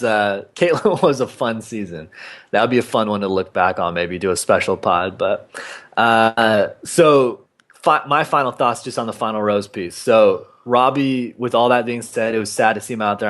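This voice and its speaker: A man co-hosting a podcast in casual chat, rambling along with lots of "man" and "dude.". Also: on the low side. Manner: laid-back, rambling, says "man" and "dude" a lot. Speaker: podcast co-host.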